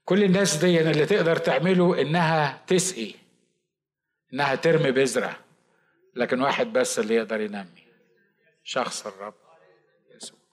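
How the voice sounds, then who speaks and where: A man with an Egyptian Arabic accent, preaching a Bible study sermon in a lively, talkative way with asides and mock quotes. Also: a little high. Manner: says he shouts and talks fast. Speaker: pastor.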